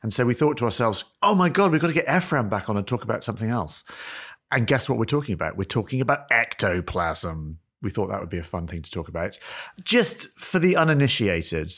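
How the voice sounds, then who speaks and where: Animated, upbeat male podcast host. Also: lowish voice, fairly quick, slightly rough. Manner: animated, playful, enthusiastic, with dramatic emphasis. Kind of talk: upbeat, chatty podcast presenting.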